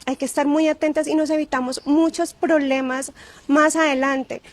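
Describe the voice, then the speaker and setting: A woman with a high voice speaks as an interview guest. Her telling is earnest and emotional, with frequent fillers and repeated phrases. She sounds like she is sharing a personal testimony. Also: fairly even intonation, moderate pace. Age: adult with grown daughter.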